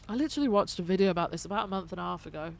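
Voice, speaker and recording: A woman's voice: on the low side, gravelly. A woman streamer playing a police officer, chatting casually and profanely while musing aloud during role-play. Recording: faint background noise.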